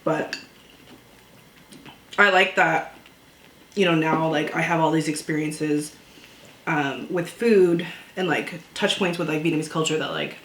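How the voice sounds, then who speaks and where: A woman from Canada chatting casually over a meal, relaxed and easygoing. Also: sits low, measured pace, pauses often. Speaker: co-host. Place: indoors at a table. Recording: echoey room, faint noise.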